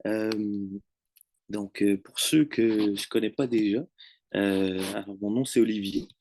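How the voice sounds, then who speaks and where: A man from Montreal with a Québécois French accent, presenting a somatic workshop on a video call and speaking slowly and hesitantly, with many fillers. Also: lowish voice, darkish tone, slight background noise. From Montreal, Quebec. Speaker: massage therapist presenting a retreat workshop. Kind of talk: online presentation.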